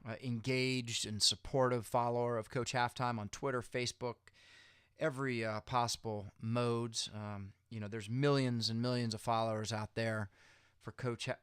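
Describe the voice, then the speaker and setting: A man with a middle-pitched, clean and resonant voice gives a motivational halftime pep talk. He speaks conversationally and encouragingly to his viewers, repeating phrases to drive them home. The sound is dry, with very little room in it. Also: flat delivery, moderate pace, fairly bright tone, smooth, no room sound. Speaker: host of a motivational video series.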